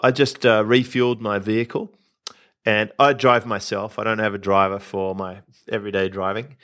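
A man's voice: lowish voice, moderate pace. A man from Australia hosting a casual podcast, talking confidently about business and spending. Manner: confident, animated storytelling with asides. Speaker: podcast host, entrepreneur coach.

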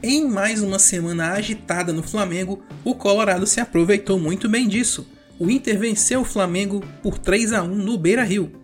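A Brazilian woman presents a scripted sports round-up as the show's host. Her voice sits at a medium pitch, with a music bed playing softly underneath. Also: moderate pace, hardly any pauses. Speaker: football round-up show host.

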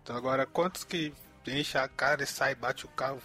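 A man's voice: mid-range voice, a little fast, pushed and bright, soft background music. A young man, giving his opinions in a rambling, slangy way as a podcast co-host. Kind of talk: casual chat.

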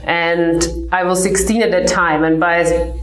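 A woman in her forties with a Czech accent, a psychotherapist explaining her clinic's work in a measured way with frequent fillers. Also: lowish voice, little pitch movement, reverberant, low-quality recording. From Czech Republic. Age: 40s. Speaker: ketamine-assisted psychotherapist. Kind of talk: podcast interview.

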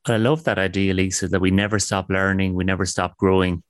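A man hosting a reflective podcast interview, affirming his guest in measured, repeated phrases. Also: low-pitched, flat delivery, no echo, clean studio sound.

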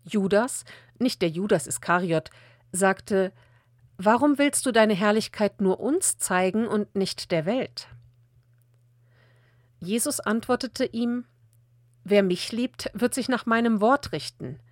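A woman reads scripture aloud in a calm, measured delivery. Her voice sits at an ordinary middle pitch. The recording is close and dry, with no room sound. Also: dry recording. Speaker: Bible reader. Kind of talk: scripted Bible reading.

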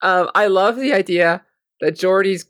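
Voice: medium pitch, unhurried, fairly bright tone, no room sound, studio quality. Chatty podcast co-host, often laughing. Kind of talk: casual chat.

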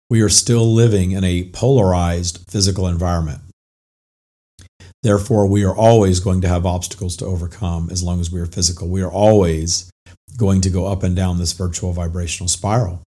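A middle-aged man speaks low in a badly hoarse voice, raspy and whispery, as though it has almost gone. He delivers an informal motivational monologue in the manner of a coach hosting his own podcast. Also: fairly even intonation, a little fast, warm tone. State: hoarse, nearly lost voice. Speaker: podcast host and spiritual coach.

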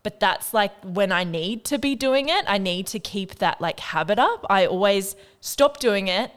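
A woman's voice: medium pitch, animated, a little slow, smooth. A woman co-hosting a podcast, chatting casually and candidly in very informal language. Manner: candid, informal with mild swearing. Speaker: podcast co-host. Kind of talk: casual chat.

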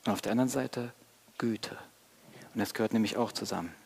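A man's voice: on the low side, fairly quick, gravelly, a little mellow, slightly rough. A man preaching a sermon as pastor, earnest and speaking straight to his congregation with questions. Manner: earnest, addresses congregation directly with rhetorical questions. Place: church. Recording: long church reverb.

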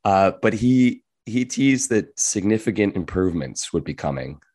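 A man with a hoarse, raspy, worn-out voice hosting a podcast in an informal, jokey, chatty way. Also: lowish voice, animated, moderate pace, darkish tone. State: hoarse, losing his voice. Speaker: podcast host. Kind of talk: casual podcast chat.

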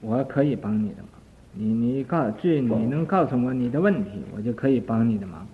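An older man voicing an earnest, kindly monk who speaks in a gentle, reassuring, slightly halting way. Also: medium pitch, animated, slight background noise, lightly acted. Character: earnest, kindly monk set on helping others. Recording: tinny lo-fi archive tape.

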